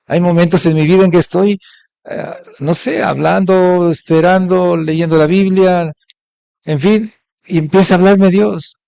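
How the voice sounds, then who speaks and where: High-voiced Mexican pastor preaching. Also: male voice, fairly even intonation, unhurried, vocal fry, darkish tone, smooth, no echo, low-quality recording. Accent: Mexican Spanish. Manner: asks the congregation frequent rhetorical questions. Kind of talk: sermon.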